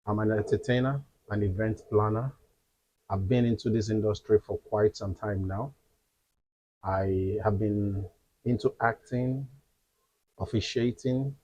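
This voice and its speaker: Low, flat Nigerian man with husky voice. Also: a little slow, pauses often, dry recording. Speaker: guest, entertainer. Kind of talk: self-introduction. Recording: dry, dull lo-fi sound.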